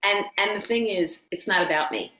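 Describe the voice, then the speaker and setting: A middle-aged woman, a yoga teacher and former occupational therapist, telling her story as a guest in a casual interview, animated and quick to laugh. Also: medium pitch. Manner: animated storyteller who acts out quotes and laughs often. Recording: roomy echo.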